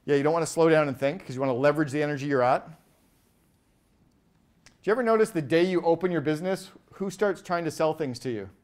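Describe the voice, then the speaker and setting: A man giving an energetic business keynote on stage, firing quick questions at the audience and rattling off lists. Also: on the high side. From Canada. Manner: animated, asks the audience quick questions, acts out quoted voices. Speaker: keynote speaker. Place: event stage before a live audience.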